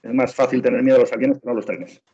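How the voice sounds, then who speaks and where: A middle-aged Spanish man with a clear Spanish accent gives a train travel training as a webinar presentation, his mid-range, level, mellow voice coming out rapid-fire. He's insistent, repeating himself and restarting sentences often. The audio is dull and lo-fi, like a video call.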